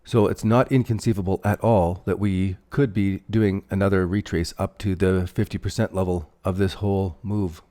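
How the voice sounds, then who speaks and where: A man's voice: deep voice, fairly even intonation, normal speed, hardly any pauses, warm tone. A man with a Canadian accent hosting a casual livestream, thinking aloud over charts and answering viewer chat. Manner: rambling, thinks aloud while drawing on charts. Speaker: crypto livestream host.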